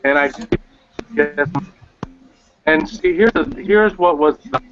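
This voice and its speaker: A man sharing his testimony over a glitchy internet call whose audio keeps breaking up and dropping words. He speaks in halting, fragmented sentences. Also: fairly high pitch, a bit bright, dull audio. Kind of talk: casual spoken testimony.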